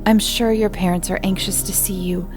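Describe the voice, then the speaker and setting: A woman voicing an anxious older relative who gently reassures a boy in a soft, near-whispered way. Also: medium pitch, fairly even intonation, moderate pace, music in the background, natural voice. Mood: anxious reassurance. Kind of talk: dramatic storytelling.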